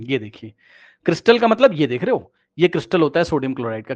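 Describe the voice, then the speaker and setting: Male chemistry teacher, fairly high voice, casual and repetitive, slightly muffled lo-fi recording. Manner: repeats key phrases, checks in with "है ना", "ठीक है"; often drops to a quieter voice while pointing at the screen. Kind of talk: casual classroom explanation.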